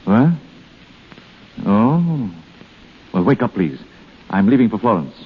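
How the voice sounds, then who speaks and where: An actor playing a brisk, urgent, smooth-scheming male swindler in a 1930s radio drama. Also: fairly low pitch, sing-song, full character voice. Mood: insistent, coaxing. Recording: tinny, noisy 1930s radio recording.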